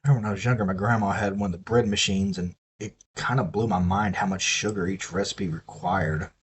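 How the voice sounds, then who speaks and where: Husky Southern man streaming a build. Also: sits low, fairly even intonation, fairly quick. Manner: chatty, swears freely while soldering. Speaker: streamer building an electronics kit. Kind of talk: casual live-stream chat.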